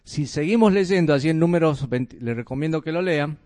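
A man's voice: on the high side, fairly quick, a little mellow. A man with a Rioplatense Spanish accent preaching a sermon in a conversational way, asking his listeners rhetorical questions.

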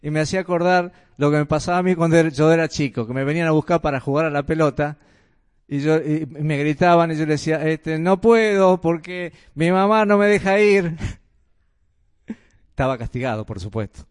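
A man's voice: fairly high pitch, steady tone, fast talker, darkish tone. A man with a Rioplatense Spanish accent preaching a sermon in a conversational way, asking his listeners rhetorical questions.

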